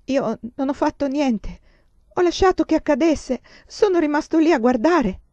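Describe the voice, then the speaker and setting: A woman voicing a distraught, feverish young husband who speaks haltingly and with anguish. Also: sits high, animated, warm tone, no echo, highs cut off, voice pushed up.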